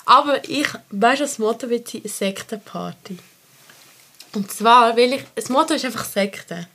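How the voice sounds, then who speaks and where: A woman of about thirty with a Swiss German accent, hosting a casual podcast chat with lively enthusiasm and English phrases mixed in. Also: a little high, normal speed. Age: around 30. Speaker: podcast host.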